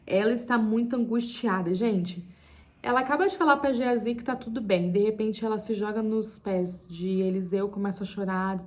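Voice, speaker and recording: A young woman with a medium-pitched voice leads an informal Bible study for her viewers. She reads the passage aloud, then breaks off to comment with chatty, emphatic asides and laughs at herself. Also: normal speed, darkish tone. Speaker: Bible teacher on video. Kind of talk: casual Bible study talk to camera.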